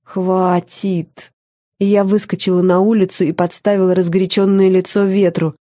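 A woman reading a first-person audiobook on a close studio mic, intimate and expressive, often softening to a hush. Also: mid-range voice, quick pace, dry recording. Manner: intimate and expressive, dropping to a soft hush in tender moments. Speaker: audiobook narrator.

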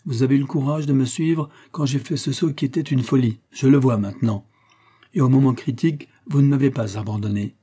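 A man's voice: medium pitch, fairly quick, mellow, breathy edge, lightly acted. A man voicing a grateful, commanding army major in a storybook reading, speaking formally and courteously.

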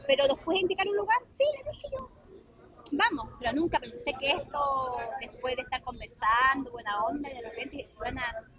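Woman, 40s, Chilean accent, high voice, earnest halting testimony, crowd noise behind. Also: lively intonation, highs cut off. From southern Chile. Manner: earnest, recounting events with halting restarts. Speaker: interviewee giving testimony. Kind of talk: recorded radio interview.

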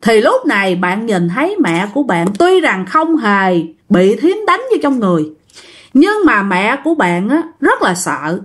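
A woman tells a ghost story in a chatty, casual way, often turning to speak straight to her listeners. Her voice sits a little high and swings widely in pitch. The telling feels lively and animated. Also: unhurried, slightly rough. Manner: chatty, addresses listeners directly.

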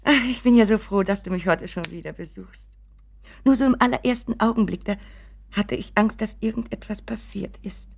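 A woman's voice: mid-range voice, normal speed, creaky, slight background noise, close to an everyday voice. An actress playing an anxious, doting mother of a grown son in a radio play, pleading and fretful, often sinking to a whisper.

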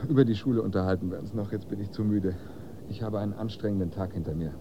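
A man's voice: lowish voice, fast talker, highs cut off, noisy background, lightly acted. An actor playing a tired, stern middle-aged father and doctor in a radio play, firm and sarcastic.

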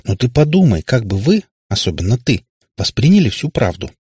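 A man doing an apologetic, husky father. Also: mid-range voice, sing-song, a little fast, darkish tone, no room sound, clean studio sound.

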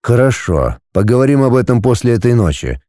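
A domineering dragon lord, as a male reader voices him in a storybook, speaking in curt, commanding lines. His tone is dark and mellow, and his pitch moves freely. The sound is dry and close. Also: very animated, fairly quick, no room sound, lightly acted. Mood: cool.

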